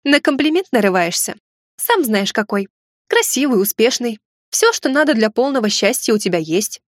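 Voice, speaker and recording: A woman voicing a sharp-tongued young female student who talks in a pert, indignant way. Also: fairly high pitch, sing-song, normal speed, no echo, studio quality. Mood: cheeky indignant.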